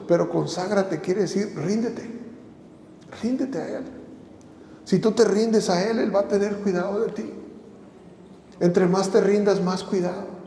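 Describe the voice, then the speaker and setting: A man's voice: high voice, vocal fry, warm tone, roomy sound, long reverb tail, slight background noise. A man preaching a sermon as pastor, exhorting the listeners with repeated phrases and rhetorical questions.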